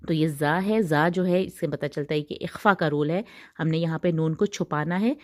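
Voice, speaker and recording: A woman teaching Quran recitation rules, explaining patiently and stretching the recited words out slowly. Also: deep voice, a little mellow.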